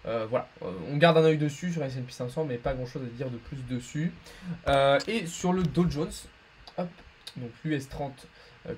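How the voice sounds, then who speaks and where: A man with a French accent hosting a live trading stream, talking loosely with plenty of fillers and restarts as he answers the chat. His voice sits at an ordinary middle pitch. A faint hiss of background noise runs under the recording. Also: a little mellow, low-quality recording. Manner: chatty, many fillers and restarts, reads chat aloud. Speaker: market analyst streamer. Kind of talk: live market analysis stream.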